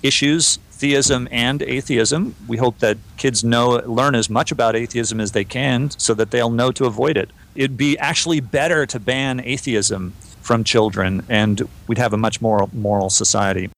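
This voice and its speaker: A man co-hosting a podcast, chatting in a relaxed way and reading listener emails aloud. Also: mid-range voice, moderate pace, vocal fry, few pauses. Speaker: podcast co-host. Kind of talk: casual podcast discussion.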